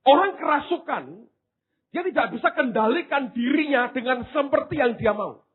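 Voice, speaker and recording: A man preaching a sermon, swinging from hushed asides to loud exclamations, with casual slang jokes. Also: very high voice, animated, moderate pace, breathy edge. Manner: drops into casual Javanese-flavoured slang for humour. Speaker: pastor. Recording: tinny phone-like sound.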